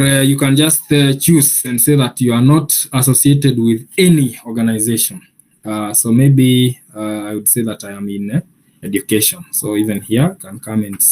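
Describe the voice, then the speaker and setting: A man leads a software tutorial, walking through an account sign-up one step at a time. His voice sits at an ordinary middle pitch. He pauses often and fills the gaps with hesitant "uh" sounds as he explains. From Kenya. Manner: many filler "uh"s and restarts, patient step-by-step. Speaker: trainer. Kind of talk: software training walkthrough.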